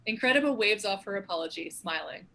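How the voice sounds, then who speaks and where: Reading a script's stage directions as narrator, a woman uses a bright, forceful voice at a middling pitch. Her scripted narration is fast, with lively intonation.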